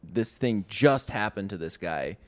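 A laid-back man with a lowish voice chats casually on a movie podcast. He swears freely and laughs often. The sound is close and dry, with no room in it. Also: lively intonation, a little slow, no echo. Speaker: podcast co-host.

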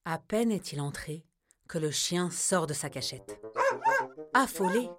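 A woman narrating a children's storybook in a gentle, expressive reading. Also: lowish voice, measured pace, over loud music.

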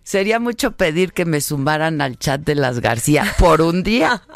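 A woman's voice: low voice, animated, moderate pace, background noise. A woman hosting a radio interview in a playful, teasing way, laughing often. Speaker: radio host.

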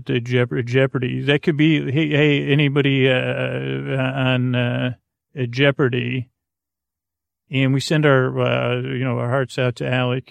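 A podcast host with a gravelly, creaky voice delivers a rambling bedtime monologue meant to lull listeners to sleep, drifting between tangents with hesitant restarts. His tone is soothing with very little pitch movement. The recording is dry and close, with no room sound.

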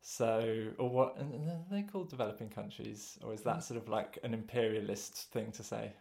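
A man co-hosting a podcast in casual chat, quick and joking with self-aware banter. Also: fairly low pitch, vocal fry, darkish tone. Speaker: podcast co-host.

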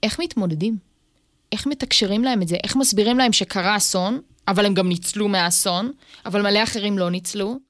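A woman podcast host asking calm, probing interview questions. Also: medium pitch, dry recording, clean studio sound.

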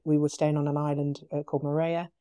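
A woman with a British accent, a podcast guest, telling her story in a casual, animated way with quoted dialogue. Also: low-pitched, fast talker, dry recording. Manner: animated retelling with quoted dialogue, frequent laughs.

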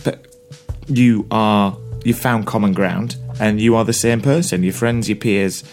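A man's voice: lowish voice, unhurried, soft background music. A man, chatting casually as a podcast co-host and thinking aloud as he talks. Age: 20s. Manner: rambling, thinking aloud with restarts. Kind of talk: casual chat.

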